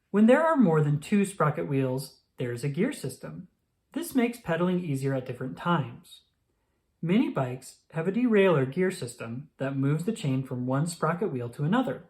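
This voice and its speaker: Reading a children's picture book aloud, this narrator uses a mid-range, slightly mellow voice and clearly enunciated, instructional storytelling.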